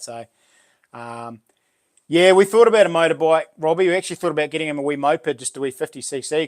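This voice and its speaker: Matey man with a broad New Zealand accent. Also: mid-range voice. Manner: laid-back, slangy, matey. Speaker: livestream host. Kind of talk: casual livestream chat with viewers.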